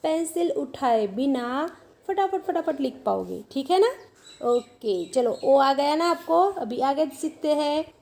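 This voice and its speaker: A woman's voice: high voice, animated, takes it slowly, a little mellow. A woman teaching children cursive writing, patiently drilling letters and words in a mix of Hindi and English.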